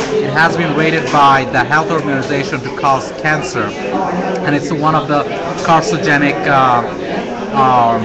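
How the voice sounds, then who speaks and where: A man casually announcing an activist event on a phone livestream, hesitant with many fillers. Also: on the high side. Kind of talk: casual chat. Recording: phone recording with loud crowd.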